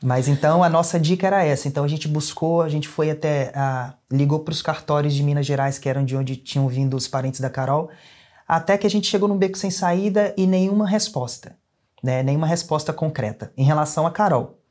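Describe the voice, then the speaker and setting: A man's voice: on the high side, a little fast, darkish tone. A young man with a Brazilian accent, an interview guest earnestly telling a personal story in casual conversation. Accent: Brazilian Portuguese. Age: young adult.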